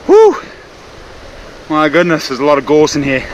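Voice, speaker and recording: A man's voice: on the high side, fairly even intonation, quick pace, fairly bright tone. A man with a broad New Zealand accent giving casual, laid-back, slangy running commentary for a vlog. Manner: laid-back, matter-of-fact, mildly sweary and slangy. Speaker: vlogger. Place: outdoors and around vehicles. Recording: noisy outdoor audio with vehicle sounds.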